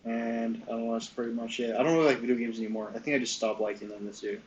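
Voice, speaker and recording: Teen dude joking around on a podcast, offhand, middle-pitched voice. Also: male voice, steady tone, very fast, a little mellow, lo-fi sound, slight background noise. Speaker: podcast co-host. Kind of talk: casual chat.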